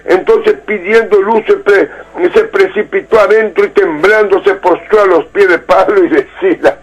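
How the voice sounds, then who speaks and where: A man's voice: high voice, low-quality recording. A man with a Uruguayan Spanish accent preaching fervently on a radio program while he has the flu. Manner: fervent, emotional, breaks into song. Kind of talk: radio sermon.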